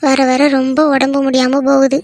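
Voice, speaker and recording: A woman voicing a sharp-tongued village mother in a cartoon who grumbles and scolds. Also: high-pitched, monotone, moderate pace. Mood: weary. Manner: grumbling, scolding, talks to herself. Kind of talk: cartoon voice acting.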